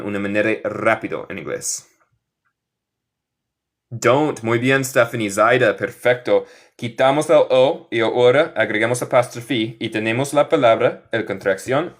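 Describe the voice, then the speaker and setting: A man teaches through in a live online lesson, speaking at a very slow, unhurried pace. His pitch sits in an ordinary middle range. He drills phrases patiently and switches easily between the two languages. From United States. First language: English. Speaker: English teacher.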